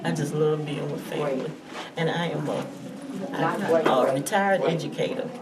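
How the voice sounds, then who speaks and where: A woman's voice: deep voice, moderate pace, over a noisy crowd. A woman in her sixties, a retired educator, speaking with repeated fondness in a casual interview. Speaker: retired educator at a family reunion. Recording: distant mic, loud background noise.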